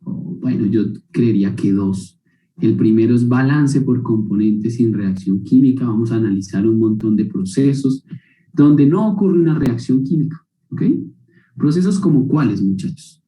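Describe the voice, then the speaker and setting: A man giving a university lecture, his voice dark and mellow. He asks the class questions and checks in after each point. The recording sounds echoey and picked up from a distance. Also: mid-range voice, moderate pace. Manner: questions students, tags statements with "¿no?". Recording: roomy, distant mic.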